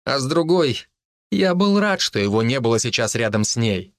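A man narrating a first-person audiobook in a steady, earnest storytelling manner. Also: mid-range voice, normal speed, no room sound, clean studio sound.

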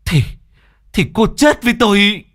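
A man's voice: sits high, sing-song, measured pace, a bit bright, voice pushed up, full character voice. A man voicing a hot-tempered young husband in a spoken ghost story, scolding his wife with a stammer. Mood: angry.

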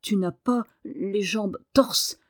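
A hoarse, quavering old gardener speaks with rough feeling, as a woman reading the storybook puts him on. His voice sits close and dry, with no room around it. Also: medium pitch, slow, no room sound.

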